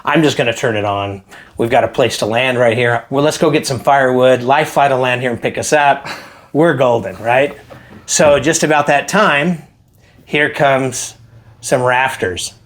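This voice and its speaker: A man's voice: mid-range voice, moderate pace. Man telling a wild flying story. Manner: animated storyteller acting out quotes. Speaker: helicopter pilot guest. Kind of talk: casual storytelling interview.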